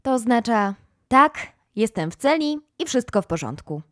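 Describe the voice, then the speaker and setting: A woman's voice: on the high side, sing-song, normal speed, a bit bright, dry recording, studio quality, voice pushed up. A woman reading an audiobook, voicing an imaginative, kind young girl with a dreamy, playful tone. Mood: dramatic.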